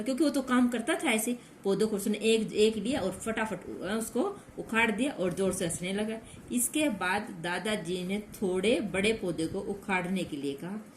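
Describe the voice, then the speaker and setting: In an echoey room with a little background noise, a Hindi-accented teacher with a medium-pitched, darkish voice reads a story to young children. Line by line she puts it into simple words, then quizzes the class.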